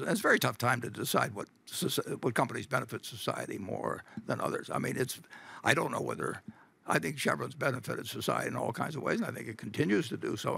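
Older man, gravelly and husky, folksy meeting Q&A with chuckles and restarts, dry close sound. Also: mid-range voice, pushed and bright, dry recording. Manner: folksy, halting, chuckles often, many restarts. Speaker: company chairman answering shareholder questions. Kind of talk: unscripted Q&A answer. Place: large meeting stage at a table.

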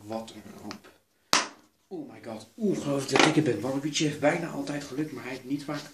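A man giving excited role-play commentary, jumpy and swearing, muttering to himself to stay calm. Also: medium pitch, fast, heavy background noise. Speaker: gamer doing a role-play.

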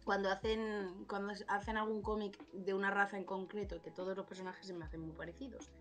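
A woman with an accent from Spain, co-hosting a podcast in a relaxed, matter-of-fact casual chat. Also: medium pitch, fairly quick. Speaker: podcast co-host.

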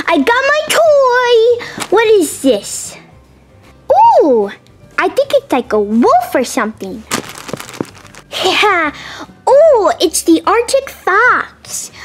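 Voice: very high voice, exaggerated voice. A young performer voicing a whiny, demanding bunny animatronic plush in a homemade puppet video.

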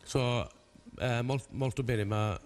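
A man in his forties, a native English speaker with English-accented Italian, speaking haltingly in a studio interview as a rugby coach and searching for words. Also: mid-range voice, steady tone. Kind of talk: television interview. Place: television studio.

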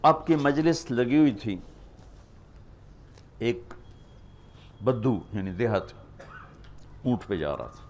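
A man preaching an emotional sermon, telling stories with passion and stretching his phrases slowly at key moments. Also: mid-range voice, sing-song, darkish tone, a little hiss or hum. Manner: impassioned storytelling, drawn-out pleading phrases.

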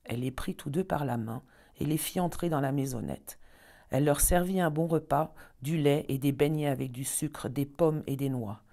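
A woman storyteller reading a fairy tale aloud in an expressive, measured way. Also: low voice.

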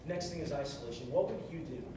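Speaking quickly in a mid-range voice, a young man gives a short sermon with earnest repetition of key phrases. The setting is a music stand on the stage of a large, carpeted hall. Recorded by a distant camera across the room, the audio is echoey with background noise.

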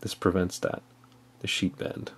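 A man's voice: a little slow, a bit bright. A man giving a casual how-to demonstration as an outdoor skills instructor, explaining plainly step by step with some fillers.

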